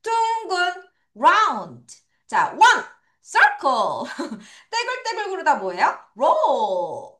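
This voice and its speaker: A woman's voice: extremely high pitch, wildly swooping pitch, very slow, bright, forceful tone. A woman teaching English vocabulary to children, drilling pronunciation with playful sound words. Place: academy classroom or studio. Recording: echoey room.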